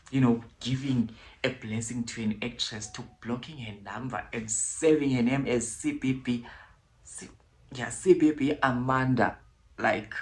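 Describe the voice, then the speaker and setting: Chatty man with hushed asides. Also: mid-range voice, a little hiss or hum, poor audio. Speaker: vlogger. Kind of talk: casual commentary vlog.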